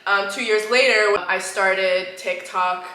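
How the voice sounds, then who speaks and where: Chatty young woman, bright voice. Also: medium pitch, steady tone, takes it slowly. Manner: chatty, laid-back, lots of "like". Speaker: guest friend. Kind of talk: casual chat. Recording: echoey room with faint background noise.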